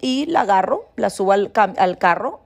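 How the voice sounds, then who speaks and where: A woman's voice: medium pitch, lively intonation, normal speed, gravelly. A middle-aged woman gives parenting advice in casual talk and reads passages from a book, earnestly addressing listeners and often checking in with "¿sí?". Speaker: mother giving parenting advice.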